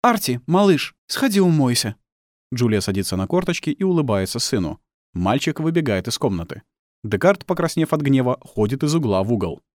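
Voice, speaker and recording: A man narrating an audiobook in an expressive, lively reading. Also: medium pitch, fairly quick, no room sound, studio quality. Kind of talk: scripted narration.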